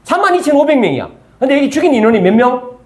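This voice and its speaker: A man's voice: extremely high pitch, big pitch swings, rapid-fire, darkish tone. An older man, a pastor with a Gyeongsang accent, teaching a Bible study sermon at church and constantly checking in with his listeners through rhetorical questions. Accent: Gyeongsang Korean. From Gyeongsang region, South Korea. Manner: keeps prodding listeners with rhetorical check-ins.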